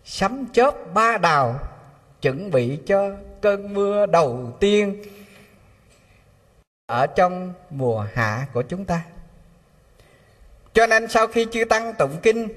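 A man with a Southern Vietnamese accent giving a storytelling Buddhist sermon, animated and full of rhetorical questions to the audience. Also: high voice. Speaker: Buddhist preacher. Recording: long hall reverb.

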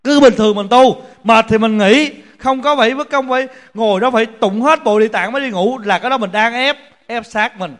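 A man's voice: very high voice, brisk. A man, a Buddhist monk giving a casual dharma talk, telling stories with laughter and playful acted asides.

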